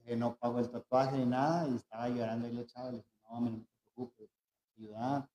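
A man's voice: medium pitch, fairly even intonation, brisk, warm tone. A man with a Mexican accent, a tattoo artist casually telling anecdotes and acting out the people in them, with frequent restarts. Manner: storytelling, acting out quoted voices, frequent restarts. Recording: roomy echo.

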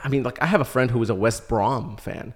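A man's voice: medium pitch, brisk. A man in his thirties, from Iraq, a podcast guest telling his story in a chatty way and laughing often. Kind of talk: casual chat.

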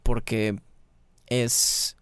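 A man with a Mexican Spanish accent, a singer talking casually as a podcast guest, slangy and quick with many restarts. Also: medium pitch, flat delivery, a bit bright, clean tone, dry recording. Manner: slangy, fast and repetitive, restarts mid-phrase. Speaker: singer and band founder, guest. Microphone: studio mic in a small treated room.

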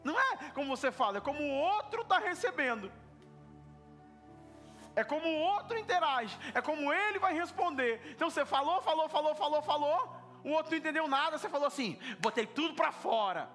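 A male pastor preaching an animated sermon, repeating words for emphasis and acting out little dialogues. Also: extremely high pitch, a little fast, faint music behind. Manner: animated, repetitive, acts out dialogues.

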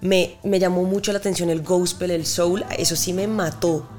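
Lively woman singer from Cali. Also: on the low side, normal speed, faint music behind. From Cali, Colombia. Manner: lively storyteller imitating notes with sung syllables. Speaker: guest singer-songwriter. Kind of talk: casual interview chat.

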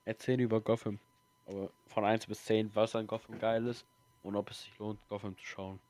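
A man's voice: fairly low pitch, flat delivery, moderate pace, a little mellow, dry recording. A man hosting a casual podcast chat, slangy and loose, steering the talk with questions to his friends.

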